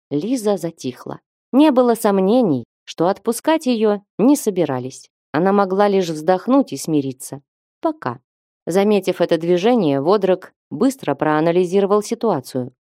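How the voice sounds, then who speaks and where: A woman narrating an audiobook in a steady storytelling manner, recorded close to the mic. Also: fairly low pitch, normal speed, no echo. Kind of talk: scripted narration.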